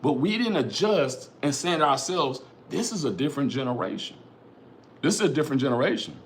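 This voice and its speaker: A man's voice: medium pitch, a little fast, a little hiss or hum. A middle-aged man hosting a casual livestream, talking animatedly and profanely, reading viewers' comments aloud and repeating phrases like "you know what I'm saying.". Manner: animated, profane, rhetorical, keeps addressing chat viewers by name. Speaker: livestream host reading chat.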